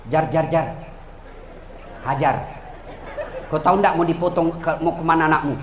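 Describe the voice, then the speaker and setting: A man's voice: on the high side, moderate pace, roomy sound, highs cut off, a little hiss or hum, pitched below the performer's own voice, lightly acted. A preacher voicing a sly male devil who taunts and tempts, in a comic sermon. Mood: taunting.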